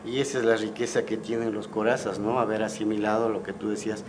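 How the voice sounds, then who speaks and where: A man, a guest musician recalling the past in a relaxed, storytelling way and often ending with tag questions. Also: fairly low pitch, quick pace. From Ecuador. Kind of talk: casual interview conversation. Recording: clear background noise.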